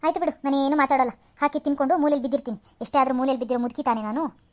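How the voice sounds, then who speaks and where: A woman's voice: sits high, fairly even intonation, rapid-fire, darkish tone, close to an everyday voice. A woman voicing a nagging, self-pitying old mother-in-law in a cartoon serial, scolding and complaining with heavy sighs. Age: older. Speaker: cartoon voice actor.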